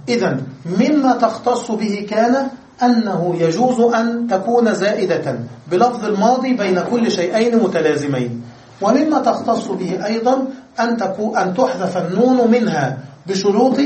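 A man's voice: high-pitched, darkish tone. A male Arabic grammar lecturer giving a classroom lesson, explaining step by step and checking that students understand. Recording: roomy echo, distant mic, faint noise.

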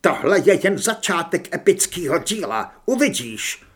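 A man's voice: sits high, very animated, husky, exaggerated voice. A man voicing a chubby, fanatical male occultist who whines when scared and turns commanding. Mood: menacing. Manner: whining and pleading when scared.

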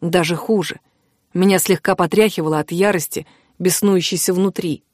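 A woman narrating a first-person fantasy audiobook in a measured, expressive reading. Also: lowish voice, dry recording, studio quality.

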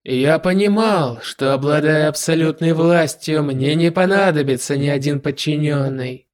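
A man's voice: a little high, lightly acted. Man doing smug dry-voiced demon lord Artmey. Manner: slow, drawn-out, self-satisfied delivery.

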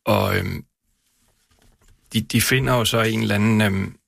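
A man, an author, reading his own prose on the radio and then talking about it in a halting way, repeating words. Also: fairly low pitch, fairly even intonation, vocal fry, a bit bright, slightly rough, no room sound, studio quality. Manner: halting, repeats words when speaking freely. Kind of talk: reading aloud, then casual radio talk. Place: radio studio.

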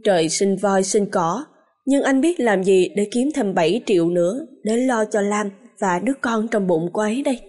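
A woman tells a story in a steady, even reading voice. Her pitch is medium and average for a woman. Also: moderate pace. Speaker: narrator. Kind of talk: storytelling narration.

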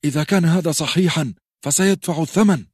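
Brief: male reader voicing a hotheaded boy lord in an audiobook, high, hot-tempered. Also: fast, slightly rough, no echo, clean studio sound. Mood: furious. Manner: shouting, impulsive. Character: hotheaded teenage male heir, quick to anger.

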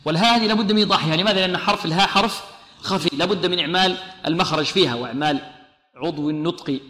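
A man teaching Quran recitation rules. He explains each rule, then chants the verse slowly for his students to repeat. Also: sits high, bright, forceful tone. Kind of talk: tajweed lesson with chanted recitation. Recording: echoey hall reverb.

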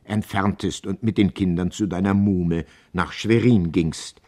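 A man's voice: deep voice, fairly even intonation, a little slow. A man reading a resolute tender husband. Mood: calm. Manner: firm, earnest, gently persuasive. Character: determined horse dealer, tender but resolute husband.

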